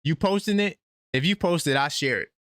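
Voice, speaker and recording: A man hosting a live sports call-in stream, talking excitedly and breaking in with news for his viewers. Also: on the high side, fairly quick, no echo, clean studio sound. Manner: animated, breaks in with updates, talks straight to viewers. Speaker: host of a sports call-in livestream.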